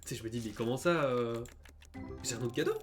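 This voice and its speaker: Streaming a game with faint music behind him, a young man talks at a brisk pace in a medium-pitched voice. His storytelling is casual and animated, full of stammers and filler words.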